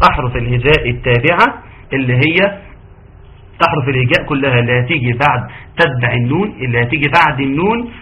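A man's voice: a little high, sharp tone, low-quality recording. An Egyptian man teaching an online tajweed lesson, quizzing his students and praising their answers. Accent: Egyptian Arabic. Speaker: Quran recitation teacher.

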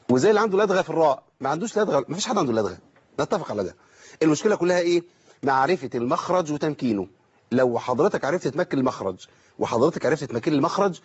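A husky-voiced man with an Egyptian accent teaches Quran recitation at a brisk pace. He explains patiently and stretches sounds out slowly to show them, heard through a dull, lo-fi recording. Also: a little high, darkish tone. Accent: Egyptian Arabic. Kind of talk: correcting a student's recitation.

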